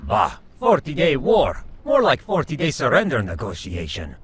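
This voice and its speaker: A man's voice: medium pitch, wildly swooping pitch, normal speed, slight background noise. A man playing Pietro, a grumbling alien exile. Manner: grumbling, ranting, broken grammar. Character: grumbling older male quarian immigrant, cynical.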